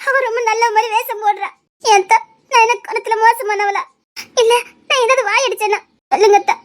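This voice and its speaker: Brief: a young woman in love, clingy and jealous, crying hard, fast and very high. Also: fairly even intonation. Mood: tearful pleading. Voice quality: sobbing, half laughing through tears. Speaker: lovesick cousin in a TV serial. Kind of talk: TV serial melodrama.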